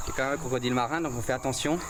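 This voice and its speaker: A man's voice: medium pitch, steady tone, rapid-fire. A man working as a crocodile handler, explaining spontaneously as he works outdoors. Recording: distant mic, noisy outdoor animal ambience.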